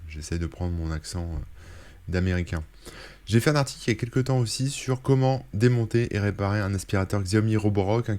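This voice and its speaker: Low-voiced French man, tech blogger and streamer, chatty and meandering delivery. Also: a little mellow. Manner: rambling, many fillers and self-corrections. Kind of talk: casual screen-share link roundup.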